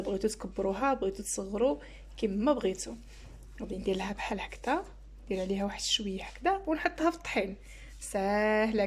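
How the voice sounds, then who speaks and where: A woman's voice: mid-range voice, a little mellow, husky. A woman with a Moroccan Arabic accent hosting a home cooking channel, walking viewers through each step of a recipe in a chatty way as she works in her kitchen. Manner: chatty, explains each step while working. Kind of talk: cooking tutorial voice-over.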